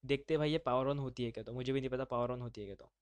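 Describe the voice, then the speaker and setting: A man's voice: medium pitch, steady tone, rapid-fire, smooth, no room sound. A man teaching a live online class, talking students through steps in an informal, chatty way. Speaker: instructor.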